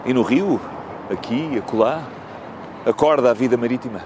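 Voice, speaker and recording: Male reader, slow and reflective poem delivery, outdoor city noise behind. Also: mid-range voice. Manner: slow, measured, reflective reading. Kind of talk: poetry recitation.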